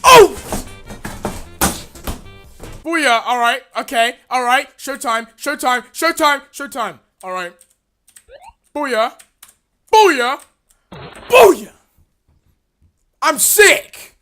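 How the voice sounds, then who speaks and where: A woman giving excitable, loud gameplay commentary, shouting and swearing at a hard game. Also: high-pitched, takes it slowly, faint music behind. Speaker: gamer.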